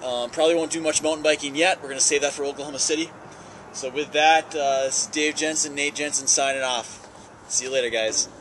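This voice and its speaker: A young man in his twenties fronts a road-trip video like a parody newscaster, signing off with mock formality. His voice sits slightly high. He's caught on a handheld camera outside, with wind and traffic noise around him. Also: fairly even intonation, brisk, fairly bright tone, rough recording. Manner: jokey, mock-formal sign-offs. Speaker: vlog host. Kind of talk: mock news-anchor travel vlog. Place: outdoors and in restaurants on a road trip. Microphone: handheld camera mic.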